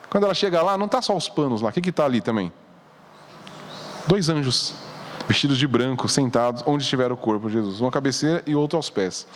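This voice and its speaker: A man's voice: fairly high pitch, long reverb tail, a little hiss or hum. A man with a Brazilian Portuguese accent preaching a conversational sermon, asking rhetorical questions and acting out the people in the text. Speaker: pastor. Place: church hall.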